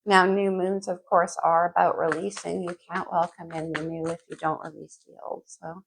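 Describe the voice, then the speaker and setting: A woman astrologer gives a casual tarot reading, musing aloud and speaking directly to the listener in a conversational way. Her voice is fairly low and gravelly with little pitch movement, her pace moderate, and her speech slightly muffled over a little hiss or hum.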